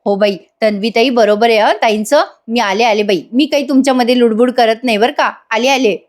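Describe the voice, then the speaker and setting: A woman's voice: fairly high pitch, fairly even intonation, fairly quick, close to an everyday voice. A woman with a Marathi accent voicing an eager, obliging young housemaid, in a serial recap.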